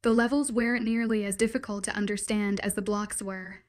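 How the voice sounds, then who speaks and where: A woman's voice: mid-range voice, fairly even intonation, fairly quick. A woman narrating a first-person story in a wry, conversational manner.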